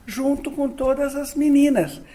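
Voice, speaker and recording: An older woman from Brazil telling childhood memories as an interview guest, a lively storyteller who acts out the dialogue. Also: high voice, a little slow.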